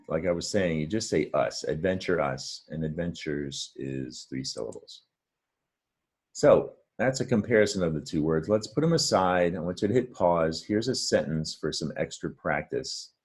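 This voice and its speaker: A man with a very low, husky voice gives a reading lesson. He talks patiently and encouragingly, walking the listener through each word step by step. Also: a little mellow. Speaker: reading teacher. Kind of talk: friendly reading lesson to camera.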